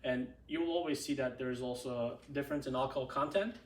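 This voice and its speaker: A man from Turkey with a Turkish accent, explaining things in relaxed casual chat. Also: mid-range voice, reverberant, far from the mic. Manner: relaxed, explaining, halting restarts. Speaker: guest.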